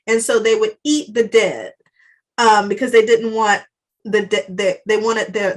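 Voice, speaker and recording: A woman's voice: medium pitch, fairly bright tone. A woman co-hosting a podcast, chatting casually about a TV episode, wandering into tangents and laughing often. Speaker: podcast co-host. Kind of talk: casual chat reviewing a TV episode.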